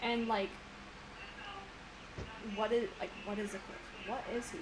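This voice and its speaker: A woman streaming from home, chatting casually and excitably about game theories, rambling and talking to her pet along the way. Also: medium pitch, unhurried. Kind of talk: casual chat. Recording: noisy home stream audio.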